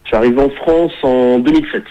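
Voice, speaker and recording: A man in his thirties who grew up in Kenya and speaks English natively, answering interview questions on radio in a relaxed, hesitant way. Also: mid-range voice, highs cut off. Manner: relaxed, hesitant with many pauses. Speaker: guest musician.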